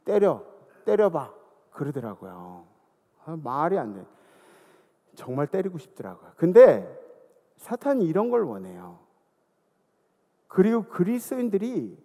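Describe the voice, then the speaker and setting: A man in his fifties preaching a sermon, his high voice rising and falling a great deal as he tells stories and throws questions at the congregation. A gravelly edge runs through his speech, and each phrase rings out in the long reverb of a church hall. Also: moderate pace, pauses often. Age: 50s. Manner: animated storytelling with rhetorical questions to the congregation. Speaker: pastor. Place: church sanctuary.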